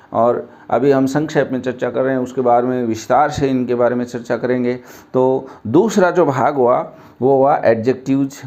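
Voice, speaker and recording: Slow, patient male teacher. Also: mid-range voice, darkish tone. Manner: slow, explains step by step and asks questions. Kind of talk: grammar lesson at a board.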